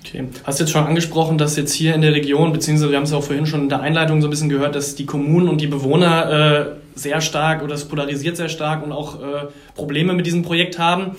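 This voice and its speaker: A man's voice: fairly high pitch, level tone, fast, few pauses, reverberant. A man hosting a podcast interview, reading a scripted intro and then asking long questions. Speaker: podcast host.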